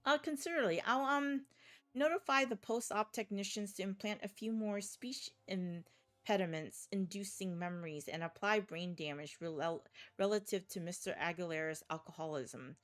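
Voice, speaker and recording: A woman's voice: mid-range voice, normal speed, lightly acted. A woman voicing a polite, businesslike female receptionist with a prim, clinical manner.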